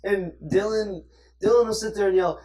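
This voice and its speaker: A teenage guy chatting casually with friends, telling stories animatedly and acting out quotes loudly. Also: high voice, steady tone, normal speed. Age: teens. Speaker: podcast co-host. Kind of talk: casual chat among friends.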